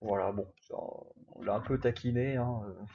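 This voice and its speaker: A man's voice: on the low side, moderate pace, vocal fry, lo-fi sound, slight background noise. Young French man rambling through a story. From France. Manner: rambling, many fillers and restarts. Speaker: vlogger. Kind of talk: casual storytelling to camera.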